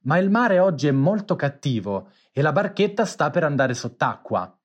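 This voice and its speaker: A man voicing an old woman in a storybook reading, speaking slowly and gravely. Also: fairly high pitch, big pitch swings, highs cut off.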